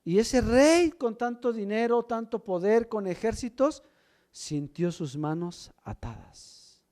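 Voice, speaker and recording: A man preaching a sermon, swinging from loud emphasis to hushed low lines and asking the congregation questions as brothers. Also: animated, slow pace. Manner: asks the congregation questions, addresses them as brother. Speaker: pastor.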